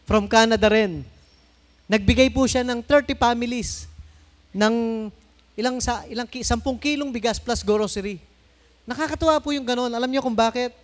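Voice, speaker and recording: A man's voice: very high-pitched, normal speed, pauses often. A middle-aged Filipino man preaching a sermon in a conversational way, mixing in English phrases and asking the congregation to answer him. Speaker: pastor.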